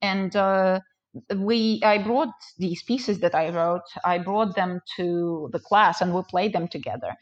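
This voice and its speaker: A young woman from Ukraine talks about her music in a relaxed interview, with a fairly low voice. She laughs often and fills pauses with ums. The audio is muffled and lo-fi, like a remote call. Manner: chatty, many fillers, laughs often. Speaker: composer and pianist, guest. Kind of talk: casual interview conversation.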